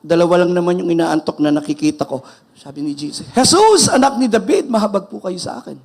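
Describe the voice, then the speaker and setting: A man's voice: sits high, fast, vocal fry, darkish tone. A man with a Filipino accent preaching a sermon as pastor, emphatic and switching between English and Filipino.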